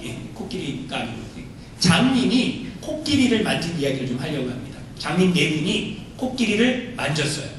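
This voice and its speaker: Male pastor, sermon delivery, very high and lively pitch, keeps questioning the congregation; distant, echo-heavy hall recording. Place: church sanctuary. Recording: very echoey hall, distant mic, faint rumble.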